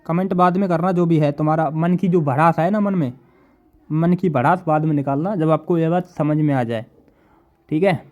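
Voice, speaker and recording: Male teacher, higher voice, lecture style, repeats and quizzes students. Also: a little mellow. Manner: repeats definitions slowly, asks students questions. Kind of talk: classroom lecture.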